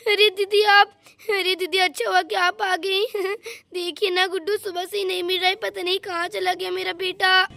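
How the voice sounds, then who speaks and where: A woman's voice: extremely high pitch, little pitch movement, moderate pace, gravelly, sharp tone, heavily acted. A woman voicing a frantic young village mother in a doll story, wailing and panicky as she searches for her son. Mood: tearful.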